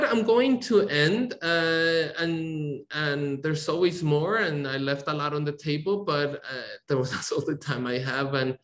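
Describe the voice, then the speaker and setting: A middle-aged architect from Colombia talks on a video call in an academic webinar. His voice sits a little higher than most men's, and he hesitates, filling his sentences with uhs and restarts. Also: a bit bright. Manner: hesitant, many fillers and restarts. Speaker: architect, guest speaker. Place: home room, video call. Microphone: computer mic on video call.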